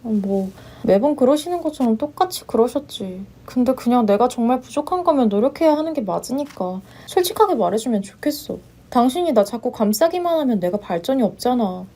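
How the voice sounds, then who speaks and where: A woman voicing a polite, long-suffering young wife who speaks in a measured way and turns firm under pressure. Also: fairly high pitch, lively intonation, mellow. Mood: worried. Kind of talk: story narration with voiced roles.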